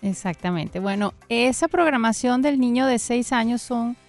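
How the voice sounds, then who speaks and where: A woman's voice: a little high, animated, moderate pace, dry recording, faint music behind. A woman, a guest expert, explaining ideas earnestly in an interview, often in lists. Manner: earnest, explanatory, list-like phrasing.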